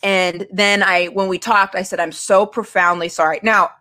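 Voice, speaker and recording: A woman's voice: medium pitch, moderate pace. Young woman telling a story animatedly. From Maine. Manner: animated storytelling, acting out quotes. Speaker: guest. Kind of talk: casual podcast conversation.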